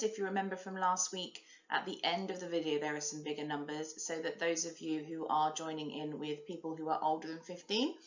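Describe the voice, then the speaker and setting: A woman around forty teaching a recorded French lesson. She models each sound clearly and prompts learners to repeat it. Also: on the low side. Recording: roomy, dull lo-fi recording.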